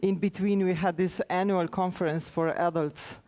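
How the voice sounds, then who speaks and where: A native Slovenian-speaking woman, an official, gives an informal conference presentation in a hesitant, halting way with many pauses, her Slovenian accent clear. Her voice is lowish, steady, and warm in tone.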